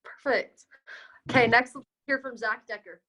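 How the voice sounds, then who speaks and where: Bright upbeat young woman moderating. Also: a little high, fairly even intonation, poor audio. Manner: upbeat, chatty, quick transitions. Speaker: webinar moderator. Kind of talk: casual webinar hosting.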